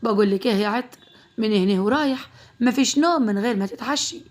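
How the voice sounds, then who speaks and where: A woman's voice: a little high, quick pace, natural voice. Woman voicing a firm young Upper Egyptian doctor.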